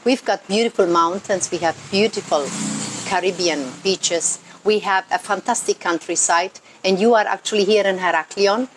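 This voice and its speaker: At a moderate pace and medium pitch, a woman in Croatian tourism speaks English off the cuff to camera with her Croatian accent, repeating words to stress points in an earnest, emphatic way as a non-native speaker. Ambient noise is noticeable behind her.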